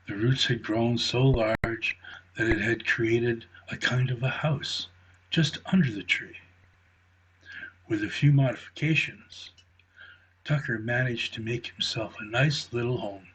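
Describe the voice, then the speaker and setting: A man reads a children's bedtime story aloud at a very slow, gentle pace. His voice sits in a middle pitch. A faint hiss runs beneath the recording. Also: rough recording.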